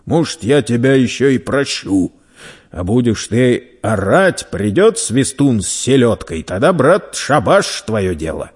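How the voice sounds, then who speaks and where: A man voicing a burly red-bearded merchant who scolds and mocks a young thief loudly. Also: medium pitch, big pitch swings, measured pace, breathy edge. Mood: mocking. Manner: loud, scolding, teasing.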